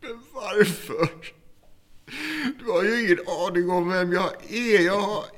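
A man's voice: high voice, a crowd in the background, natural voice. A man playing a frightened captive inspector. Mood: pleading. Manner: pleading, frightened. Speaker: fire inspector held captive. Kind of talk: radio drama acting.

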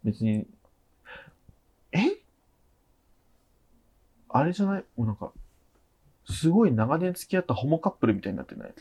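Playful male podcast co-host, very expressive pitch, frequent laughter. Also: moderate pace, long pauses, slightly rough. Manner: playful, laughs often, reads letters in silly ways. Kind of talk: casual chat.

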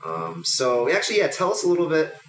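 A podcast host chatting casually, quick and affirming, full of yeahs. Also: mid-range voice, lively intonation, a bit bright, recorded from a distance, a little hiss or hum. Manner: quick, affirming, lots of "yeah". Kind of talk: casual chat. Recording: echoey room.

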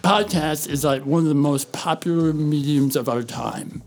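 Higher-voiced man explaining earnestly. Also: moderate pace, a little mellow, faint music behind. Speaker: podcast co-host. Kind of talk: casual podcast chat.

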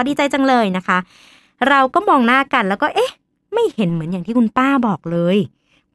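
A woman doctor hosting a podcast who tells a story in a lively way and acts out the voices of the people in it. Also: fairly high pitch, no echo, clean studio sound.

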